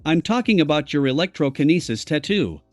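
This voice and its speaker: A man voicing a critical young girl in an audiobook reading, in an even, skeptical tone. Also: fairly high pitch, brisk, dry recording, soft background music, close to an everyday voice. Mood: curious.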